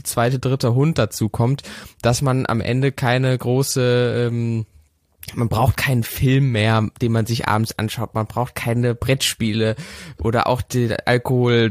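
A man's voice: mid-range voice, dry recording, clean studio sound. A man in his late twenties co-hosting a casual podcast over a remote call, rambling with many fillers and restarts. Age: late 20s. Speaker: podcast co-host. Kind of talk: casual chat. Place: holiday house. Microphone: remote call with a shaky connection.

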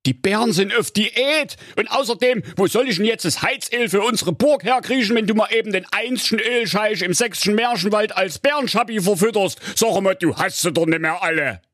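A man's voice: high voice, a little fast, few pauses, fairly bright tone, no echo, voice pushed up. Blustering old king, done by a male storyteller, raised voice, dead-dry sound. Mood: exasperated. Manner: blustering, ranting. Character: choleric round old king, hot-tempered.

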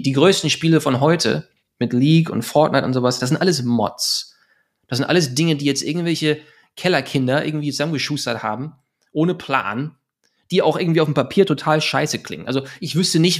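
Gravelly German man, rambling fast. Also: medium pitch. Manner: fast, rambling with many fillers and restarts. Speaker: guest. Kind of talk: casual podcast interview.

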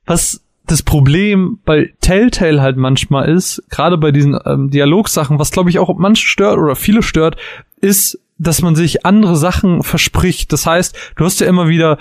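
A man with a slightly raised voice, co-hosting a casual games podcast. He explains things in a relaxed way and acts out bits of dialogue. The recording is dry and close. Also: on the high side, moderate pace, no room sound. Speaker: podcast co-host. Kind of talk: casual chat about video games.

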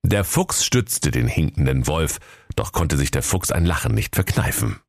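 Brief: deep male narrator for a funny fairy tale, very animated, dry close-miked. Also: moderate pace, creaky, dry recording. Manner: lively, playful storytelling.

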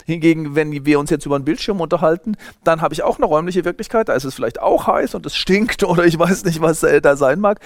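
Speaking fast with few pauses, this fairly high-voiced German man in his fifties is a sociologist guest giving a long, lecturing explanation in an interview, often hesitating and starting over. The recording is dry and clean, with studio sound.

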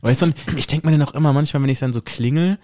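A man in his thirties chats as a podcast guest. His voice is mellow and warm, recorded close and dry, and he tells his story loosely and at length, checking in with his listener at the end of each sentence. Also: a little high, rapid-fire, no room sound. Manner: rambling storyteller, frequent "ne?" tags. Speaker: podcast guest, drag performer and DJ. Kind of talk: casual chat, personal storytelling.

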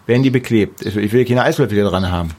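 A man's voice: on the low side, very fast, a little mellow. A middle-aged man with a German accent, speaking casually and emphatically in an interview about the house he builds, often repeating words for stress. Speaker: artist building his house.

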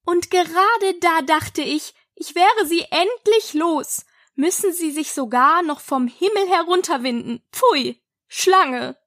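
A woman's voice: extremely high pitch, animated, unhurried, a bit bright, no room sound, clean studio sound, pitched above the performer's own voice, heavily acted. A woman voicing a fretful female pigeon guarding her eggs in a storybook reading, with shrieking, indignant scolding.

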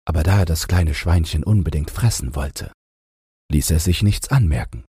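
A man narrating a fairy-tale audiobook in slow, expressive storytelling, with a deep, gravelly, husky voice. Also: dry recording, studio quality.

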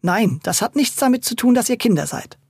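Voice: mid-range voice, animated, a little fast, darkish tone, husky, no echo, clean studio sound, voice pushed up. A narrator voicing a father who speaks in an earnest, reassuring way. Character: earnest father siding with his sons.

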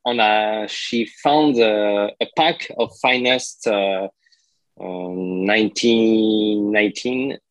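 Slow, halting Frenchman translating in his head. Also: fairly low pitch, dry recording. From France. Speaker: podcast guest and card collector. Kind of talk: casual interview storytelling.

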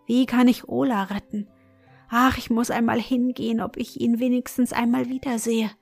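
A woman's voice: fairly high pitch, little pitch movement, normal speed, gravelly, darkish tone, soft background music. A woman voicing a frightened young girl in a fairy tale, pleading anxiously. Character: frightened young girl longing for her friend.

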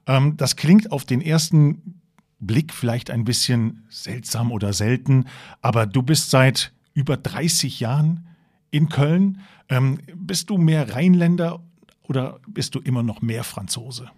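A man hosting a podcast interview, asking clear, measured questions. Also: mid-range voice, a little mellow. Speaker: podcast host.

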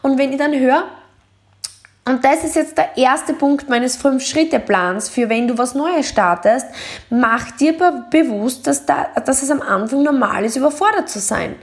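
High, gravelly-voiced woman coaching. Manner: earnest, speaks straight to the listener; dramatizes worries in quick, heightened bursts. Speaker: podcast host. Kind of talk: motivational coaching podcast monologue.

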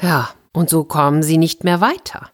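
A woman storyteller reading a children's story in a gentle, lively way with playful repetitions. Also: low voice, normal speed.

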